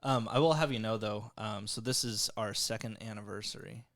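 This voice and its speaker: A man's voice: lowish voice, brisk, a bit bright. Wry man bantering in a cave-like echoey room. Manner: wry, joking, profane. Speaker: podcast host. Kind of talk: casual comedic banter. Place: emptied room at home, packed boxes.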